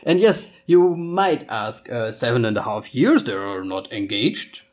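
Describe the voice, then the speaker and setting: Co-hosting an informal couple podcast in English, a man in his thirties speaks at a measured pace in a very animated, medium-pitched voice. His German accent reflects roots in Austria and a childhood in Germany, and he sometimes pauses to find the right word.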